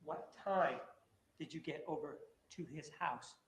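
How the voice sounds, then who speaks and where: A man's voice: a little high, a little slow, a bit bright, a little hiss or hum. A man prosecuting at a trial, cross-examining a witness with pressing, repetitive, combative questions. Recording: echoey courtroom audio.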